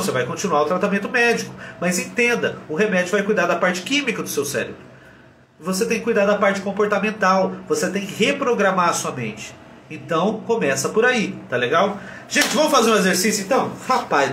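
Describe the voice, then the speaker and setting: A man with a Brazilian Portuguese accent, a doctor teaching a live lesson on depression with energetic, direct and blunt coaching. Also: sits high, slight background noise. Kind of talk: live motivational lesson to viewers. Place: warm room with an air cooler running. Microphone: camera set back from him. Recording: roomy echo, voice from a distance.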